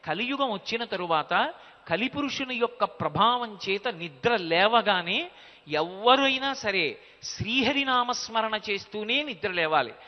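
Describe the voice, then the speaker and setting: A man giving a devotional sermon, telling a story, reciting verses and acting out the dialogue. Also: high voice. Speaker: spiritual discourse speaker. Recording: dull lo-fi audio with long hall reverb.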